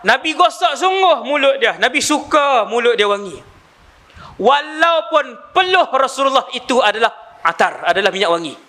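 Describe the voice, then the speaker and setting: Male preacher, high ringing voice, animated storyteller working the crowd with questions. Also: moderate pace. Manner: animated storyteller, asks audience rhetorical questions. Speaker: Islamic preacher. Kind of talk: live religious lecture.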